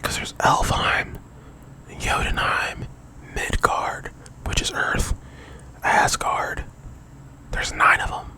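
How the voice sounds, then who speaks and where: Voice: takes it slowly, pauses often, sharp tone, rough recording. A young adult whispering a casual, rambling ASMR monologue that wanders off on digressions. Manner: whispering throughout. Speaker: ASMR video creator.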